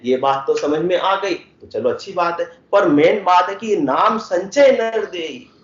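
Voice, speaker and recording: Hindi devotional preacher in a roomy hall. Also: male voice, a little high. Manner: explains verses with rhetorical questions, sings couplets slowly. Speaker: satsang speaker. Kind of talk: devotional discourse with sung verses. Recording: roomy, dull lo-fi sound.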